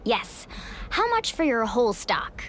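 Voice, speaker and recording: A brisk businesslike buyer in a game, high lively voice. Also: female voice, slight background noise. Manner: curt and businesslike. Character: brisk young woman buyer in a hurry. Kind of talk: video game voice acting.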